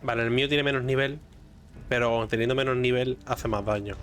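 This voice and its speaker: A man's voice: medium pitch, steady tone, fast talker, fairly bright tone, soft background music. A man with a Spain Spanish accent giving casual, colloquial gameplay commentary, muttering to himself and swearing. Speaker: gaming streamer.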